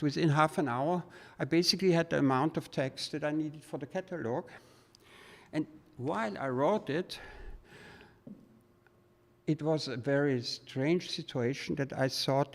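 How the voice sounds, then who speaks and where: A man with a gravelly, creaky voice gives an informal guest lecture as an artist. He talks in a reflective, loosely rambling way. His voice rings out with the long reverb of a large hall. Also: fairly high pitch, a little slow.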